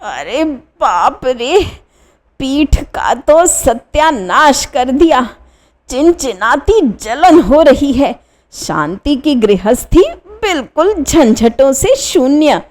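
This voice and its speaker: A woman's voice: high-pitched, very animated, slow pace, a little mellow, heavily acted. A woman voicing a fussy middle-aged male landlord, moaning and wailing in pain, in a one-reader radio play. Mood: groaning.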